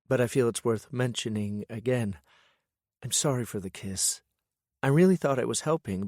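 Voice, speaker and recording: A male audiobook narrator voicing a gentle, apologetic young woman who talks softly and hesitantly. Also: fairly low pitch, no echo, clean studio sound, voice pushed up, natural voice. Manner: soft, hesitant. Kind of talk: audiobook character voice.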